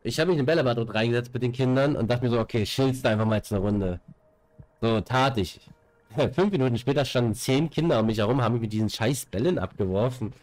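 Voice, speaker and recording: A gaming streamer, a young man stuffed up with a cold, chats casually on his headset while playing, rambling with fillers and repeated words. His medium-pitched voice has a darkish tone, he talks fast, and the recording is dry.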